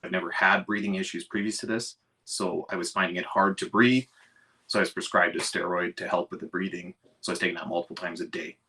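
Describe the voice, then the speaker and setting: Interviewee: man, 30s, very low and bright voice, measured, recorded from a distance. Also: level tone. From Canada. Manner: measured, clears throat often. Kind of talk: recalling illness in an interview.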